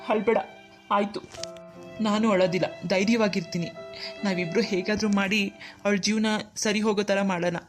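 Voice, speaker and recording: A woman's voice: medium pitch, steady tone, moderate pace, pauses often, soft background music, close to an everyday voice. Woman voicing a troubled cartoon husband. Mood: upset. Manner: earnest, troubled. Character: worried young husband and older brother. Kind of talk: cartoon dialogue acting.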